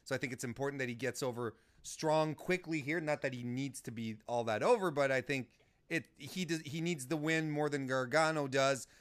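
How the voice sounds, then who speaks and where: A man's voice: mid-range voice, normal speed, fairly bright tone. A man hosting a casual wrestling preview chat, upbeat and enthusiastic as he asks questions and reads the chat. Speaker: host.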